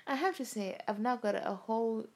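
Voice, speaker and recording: This is a young woman whose first language isn't English, co-hosting a casual podcast after a few drinks. Her voice is a little high and brisk as she rambles, swears and laughs frequently, lying down during a home recording.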